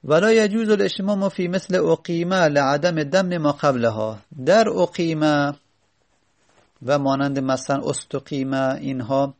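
A man teaching a grammar lesson, reading a text aloud and then explaining it slowly with frequent pauses. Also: a little high. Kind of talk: classroom lesson explaining Arabic morphology.

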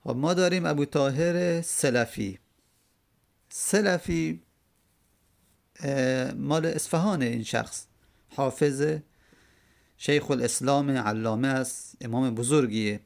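A man with a gravelly, medium-pitched voice lectures as a religious teacher, pausing often. In a classroom setting explaining a hadith text, he breaks down a quoted Arabic verse word by word and keeps returning to key terms.

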